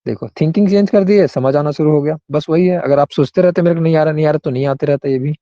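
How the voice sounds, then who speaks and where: A man's voice: on the high side, fast talker, warm tone, dry recording, lo-fi sound. A male English grammar teacher, explaining rules in an online class and often checking in with students by name.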